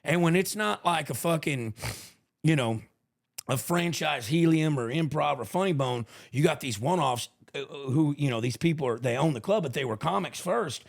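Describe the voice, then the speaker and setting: A man's voice: a little high, normal speed, creaky. A man hosting a casual comedy podcast, telling rowdy road stories full of swearing. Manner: profane, animated storyteller. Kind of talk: casual chat.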